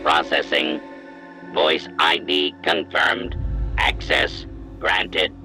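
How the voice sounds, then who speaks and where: An actor voicing an automated male bank teller computer with a processing-machine voice and flat, clipped announcements. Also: low voice, extremely slow, over music. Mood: monotone. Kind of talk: video game dialogue.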